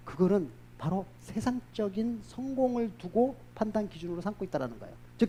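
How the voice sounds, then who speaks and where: A male pastor preaching a sermon, telling stories in a lively way and acting out the voices of the people in them. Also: high voice.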